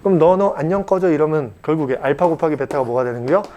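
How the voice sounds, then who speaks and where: A man teaching a math class at a cram school, blunt and chatty, joking and mock-scolding his students and checking in with quick questions. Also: fairly high pitch, animated, mellow, a little hiss or hum. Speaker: math tutor.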